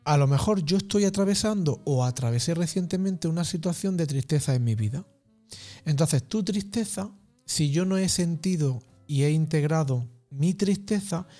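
A man calmly explaining emotions as a guest, in a slow, measured, spiritual teaching manner. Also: on the high side. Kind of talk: calm reflective explanation.

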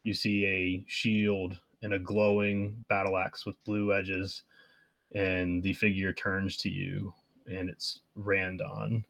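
A man narrating as game master, describing scenes in a halting way with fillers. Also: sits low, flat delivery, vocal fry, a bit bright, no room sound.

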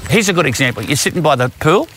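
A man's voice: on the high side, expressive, racing, a bit bright, slight background noise. A man, a dog trainer explaining his methods in a plain, down-to-earth way while working outdoors. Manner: down-to-earth, storytelling with acted-out quotes.

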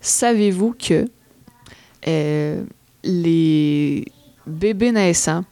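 A woman's voice: low-pitched, very slow, warm tone, no room sound. A woman with a Québécois French accent explaining facts in a casual chat, hesitant, with many fillers.

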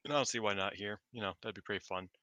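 A man co-hosting a casual wrestling podcast, joking around, swearing freely and getting excitable. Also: on the low side, rapid-fire, dull audio. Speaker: podcast co-host.

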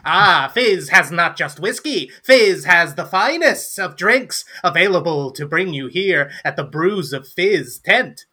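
A man's voice: sits high, animated, unhurried, hardly any pauses, sharp tone, husky, pitched above the performer's own voice, heavily acted. A man voicing a pompous gnome barkeep who sells his drinks in grand, old-fashioned phrases. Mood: grandiose. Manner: archaic, theatrical, grandiose. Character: pompous male gnome barkeep, showy salesman.

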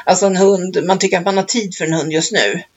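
A woman's voice: on the low side, fairly even intonation, slightly rough. A woman co-hosting a podcast in casual chat, rambling through stories and laughing often. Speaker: podcast co-host. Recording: dull lo-fi recording.

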